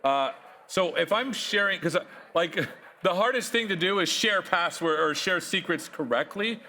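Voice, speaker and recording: A man's voice: sits high, animated, normal speed, pushed and bright. A man hosting a casual tech interview, chatty and jokey as he asks questions. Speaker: host. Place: conference studio set.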